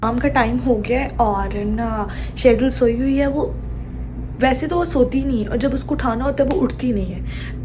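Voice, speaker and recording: A young woman chatting casually in a home vlog, repeating herself and mixing in English words. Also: a little high. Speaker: vlogger. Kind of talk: casual daily vlog chat. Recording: home video with clear background noise.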